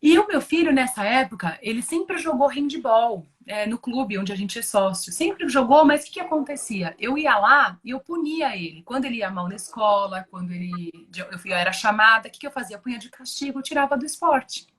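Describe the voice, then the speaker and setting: A woman's voice: fairly high pitch, lively intonation, brisk, hardly any pauses, a bit bright, breathy edge. A Brazilian woman giving an earnest, emotional personal testimony in conversation, often restarting and repeating words as she talks. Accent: Brazilian Portuguese. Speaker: guest giving a religious testimony.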